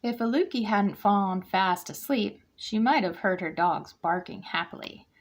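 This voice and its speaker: A woman's voice: medium pitch, moderate pace. A woman reading a children's picture book aloud to a kindergarten class, acting out the character lines. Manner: expressive, acts out character lines. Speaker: guest reader for a kindergarten class.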